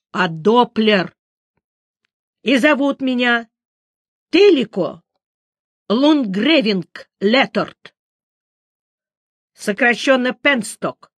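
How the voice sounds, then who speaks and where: A cornered shapeshifter creature whines and pleads in a high, guttural voice, as a woman reading a storybook puts him on. The delivery is slow and unhurried. The sound is close and completely dry. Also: breathy edge, no room sound, full character voice. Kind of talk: audiobook reading.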